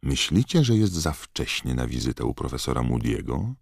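Clever earnest teen witch girl, a guy reading her, still a low gravelly voice. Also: big pitch swings, normal speed, dry recording, clean studio sound, heavily acted. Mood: anxious. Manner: earnest, anxious, questioning.

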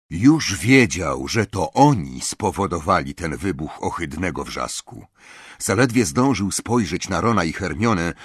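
A man reading a fantasy novel aloud as an audiobook narrator, with expressive, dramatic storytelling. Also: deep voice, husky, no room sound, studio quality.

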